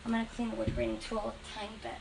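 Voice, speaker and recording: A bright, high-pitched woman leads a casual craft demonstration, addressing her viewers warmly as she works. Her voice has a gravelly edge. The live-stream audio carries a steady layer of noise. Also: racing. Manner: chatty and upbeat, talks to viewers as "you guys". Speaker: host demonstrating furniture finishing. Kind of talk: casual live tutorial chat. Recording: noisy live-stream recording.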